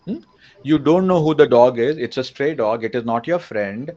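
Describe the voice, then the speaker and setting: A man's voice: medium pitch, animated, normal speed, dark tone. Indian male teacher lecturing a class. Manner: conversational, questioning the class, mixes in Hindi. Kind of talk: interactive lecture. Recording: dull lo-fi recording.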